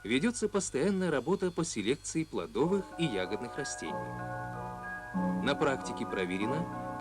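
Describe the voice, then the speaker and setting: A man reading scripted documentary narration in an old newsreel manner, measured and solemn, on a 1980s Soviet film soundtrack. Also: medium pitch. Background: music.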